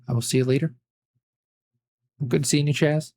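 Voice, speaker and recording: A man livestreaming in a relaxed, rambling way, with lots of fillers and a voice that is giving out as he wraps up his stream. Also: on the high side, normal speed. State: losing his voice. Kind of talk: casual stream sign-off chat.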